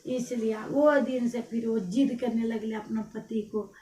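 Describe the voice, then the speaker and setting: Woman storyteller, slow and a bit high, roomy room, mic at a distance. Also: steady tone, mellow, a little hiss or hum. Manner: homely, preachy, addresses listeners directly. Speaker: devotional storyteller. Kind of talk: devotional folk storytelling.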